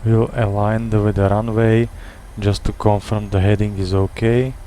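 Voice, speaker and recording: A man making pilot takeoff callouts and procedure commentary in a measured, clipped checklist manner. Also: on the low side. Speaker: flight simulator streamer playing airline pilot. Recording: steady cockpit hum and background noise.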